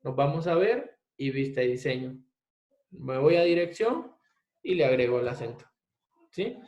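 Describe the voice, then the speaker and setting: A man teaching a step-by-step software tutorial, often asking his class rhetorical questions. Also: medium pitch, expressive, normal speed. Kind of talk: screen-recorded software tutorial. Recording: echoey room, dull lo-fi mic.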